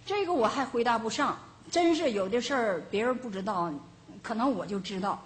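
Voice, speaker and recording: An older woman giving a Buddhist teaching as a lay teacher, telling lively homespun stories and chuckling now and then. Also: on the high side, brisk. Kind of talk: storytelling dharma talk. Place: lecture hall of a Buddhist centre.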